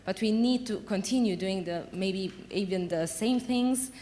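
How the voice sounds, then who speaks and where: A woman's voice: medium pitch, a little slow, mellow, a little hiss or hum. A woman on a conference panel answering a question hesitantly, often repeating words. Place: conference hall. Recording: long hall reverb, faint ambience.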